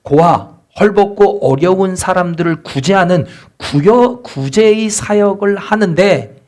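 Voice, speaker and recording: A male pastor preaching a sermon in a church, asking the congregation questions and acting out the complaints of church members. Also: high-pitched. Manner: asks the congregation rhetorical questions. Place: church sanctuary.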